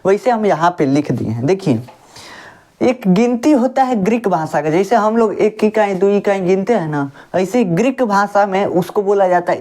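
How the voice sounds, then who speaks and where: A woman's voice: fairly low pitch, a little mellow. Woman teaching chemistry. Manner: asks the class questions and answers them herself; folksy, calls students babu. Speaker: science teacher. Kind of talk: chemistry lesson for school students.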